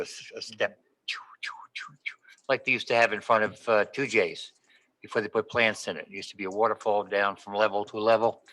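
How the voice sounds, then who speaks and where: Older guy on a city board, rambling and halting, lowish voice, bright edge. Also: rough recording. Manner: rambling, halting with many fillers. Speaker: board member. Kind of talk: casual remarks at a public meeting. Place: council chamber.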